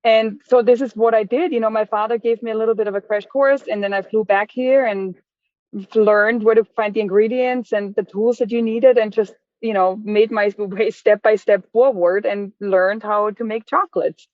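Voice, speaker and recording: Over a dry, tinny, phone-like connection, a chocolate business owner from Austria shares her story as a guest in a chatty way, often restarting and using fillers. Her mid-range voice keeps a steady tone at a normal speed in a dry recording.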